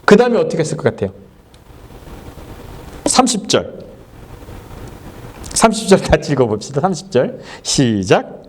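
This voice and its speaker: Lively, animated male pastor preaching. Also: on the high side, normal speed, pauses often. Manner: animated, quizzes the congregation, laughs often. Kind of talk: sermon. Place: church service.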